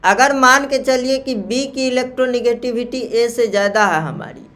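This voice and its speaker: Male chemistry teacher, slow and repetitive. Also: very high voice, a bit bright. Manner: repeats key terms slowly, checks understanding with questions. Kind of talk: classroom lecture on naming salts.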